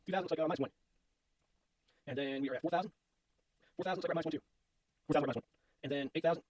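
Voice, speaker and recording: A man's voice: a little high, breathy edge, no echo. Self-deprecating man talking through gear settings. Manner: self-deprecating, thinks aloud while tweaking settings. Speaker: guitar tutorial host. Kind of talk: casual hands-on demo talk.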